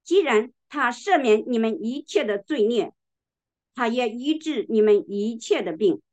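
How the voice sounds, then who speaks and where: A woman delivers a sermon in a slow, measured way, leaning on each word as she reads scripture. Her voice sits somewhat high, and she clears her throat now and then. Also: lively intonation, darkish tone. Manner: slow, deliberate, emphatic reading of scripture. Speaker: preacher.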